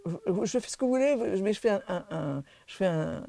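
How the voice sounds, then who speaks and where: A woman singer, a guest in a casual interview, telling animated stories with laughter and many restarts. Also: medium pitch, fairly quick, vocal fry.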